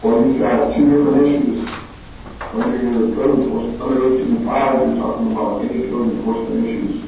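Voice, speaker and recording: A man calling into a meeting over a garbled remote connection full of reverb, explaining procedure in a measured way. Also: medium pitch, lively intonation, dark tone, slight background noise. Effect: garbled remote audio with heavy reverb. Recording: garbled echoey remote call from far off.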